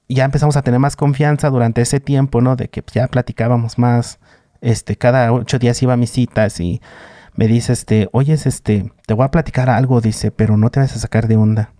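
Mexican man telling a story, dark voice. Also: mid-range voice, dry recording, studio quality. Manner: animated retelling with slang and voices for others. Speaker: guest. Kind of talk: casual storytelling.

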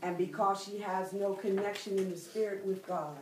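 A woman's voice: medium pitch, fairly even intonation, distant mic, background noise. Middle-aged woman preaching, echoey room. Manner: call-and-response preaching with drawn-out emphasis. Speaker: Bible study teacher. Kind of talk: preaching Bible study. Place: church library room with bookshelves. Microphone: far camera, no mic.

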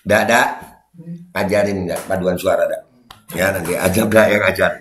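A man's voice: sits low, fairly even intonation, normal speed, fairly bright tone, echoey room, a little hiss or hum. A man hosting casual commentary among friends, teasing and sarcastic, laughing often. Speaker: host of a commentary channel. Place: room shared with a small group of friends.

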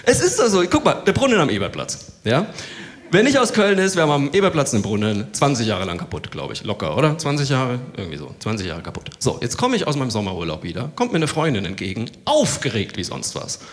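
A man's voice: medium pitch, wildly swooping pitch, quick pace. A man doing stand-up comedy in German in front of a live audience, chatty and telling anecdotes. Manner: chatty, acts out others' voices in anecdotes. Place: theater stage before a live audience.

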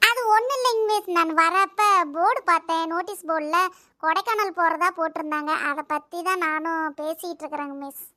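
A woman voicing an excitable young schoolgirl in a cartoon, pleading and whining in a childlike way. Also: very high-pitched, fairly quick, dry recording, clean studio sound. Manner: pleading, whining, then gushing. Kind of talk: cartoon voice acting.

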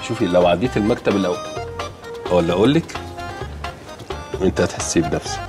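Man playing a jovial, low-voiced company boss. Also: fast, music in the background, close to an everyday voice. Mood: genial. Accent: Egyptian Arabic. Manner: playful, teasing banter.

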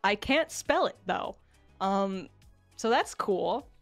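A woman streamer whose first language is English chats casually on a livestream for her debut introduction, playful, giggly, and self-deprecating. She has a mid-range, animated voice, speaks at a slow pace, and background music plays.

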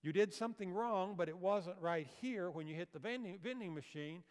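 Here the older man's voice is high, brisk, clear and resonant. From the stage of a church auditorium, he gives a health seminar lecture, explaining slides and asking the audience questions, and long reverb fills the hall.

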